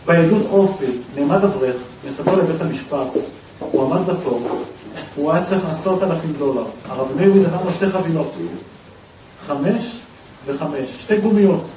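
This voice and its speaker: A high-voiced man tells a story with lively energy, acting out the voices of the people he quotes. He sounds some way from the mic in an echoey room, with a faint hiss behind him. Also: far from the mic. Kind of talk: storytelling talk.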